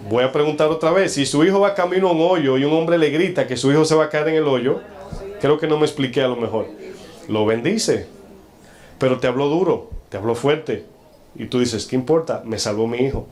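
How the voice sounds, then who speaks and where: A male pastor giving a stern, confrontational sermon. He asks the congregation rhetorical questions and slows down when he reads scripture aloud. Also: fairly high pitch, a little mellow.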